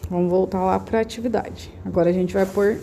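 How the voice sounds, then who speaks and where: A Brazilian woman gives a remote lesson to children, recorded on her phone. Her voice is mellow, with a faint hum of room noise behind it. She talks patiently, repeats the key points and keeps checking that the class is following. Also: medium pitch, steady tone, brisk, creaky. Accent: Brazilian Portuguese. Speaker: primary school teacher.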